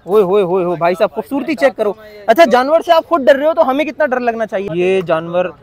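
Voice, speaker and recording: Brisk and very animated, a high-pitched young man walks an outdoor cattle market for his vlog, trading banter with sellers and reacting loudly to the livestock. The background is filled with crowd noise and chatter.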